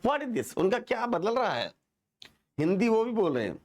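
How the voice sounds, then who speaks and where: थोड़ी ऊँची आवाज़ वाला एक पुरुष शिक्षक, कक्षा में जोश और मज़ाक के साथ पढ़ाता हुआ। बार-बार छात्रों से सवाल पूछता है और शब्द दोहरवाता है।. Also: male voice, high voice, moderate pace. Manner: animated, joking, asks students to repeat. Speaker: teacher. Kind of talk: lively classroom lesson.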